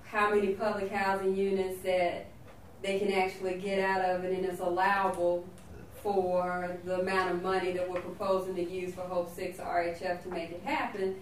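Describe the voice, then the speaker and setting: A woman with a Southern Alabama drawl, explaining things as a staff member at a board meeting. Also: mid-range voice. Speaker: housing authority staff member. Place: indoor meeting room. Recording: echoey room, distant mic, faint noise.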